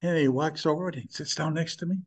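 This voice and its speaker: A man's voice: a little high, steady tone, fast. An older man speaking earnestly and with emphasis, preaching and sharing a personal testimony with his listeners.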